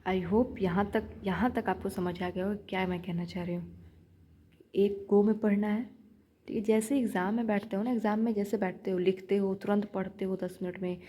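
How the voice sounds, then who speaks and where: A young woman talks through study tips in a relaxed, chatty vlog, repeating her points like a friendly coach. Her voice sits at an everyday pitch with a soft, mellow tone. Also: normal speed. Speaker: shorthand learner vlogger. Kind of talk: casual teaching vlog.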